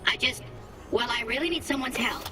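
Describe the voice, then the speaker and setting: A woman's voice: fairly high pitch, brisk, heavy background noise. A woman voicing a cheerful, chatty female robot memory that carries a deadly turret, with a robotic voice effect. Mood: eager. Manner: eager, chatty, apologetic. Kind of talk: video game dialogue. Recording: distant voice under loud game music.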